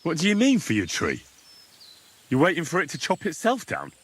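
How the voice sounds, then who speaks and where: A man's voice: a little high, wildly swooping pitch, normal speed, a little hiss or hum. A man voicing a young medieval adventurer in a video game, nosy, blunt and teasing. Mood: teasing, curious. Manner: teasing, questioning. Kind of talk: video game character dialogue.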